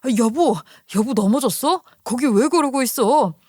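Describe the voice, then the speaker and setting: Anxious, hurried young husband in an audio story, read by the female narrator. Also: on the high side, lively intonation, a little mellow, no echo, clean studio sound. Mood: worried. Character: worried young husband rushing to help.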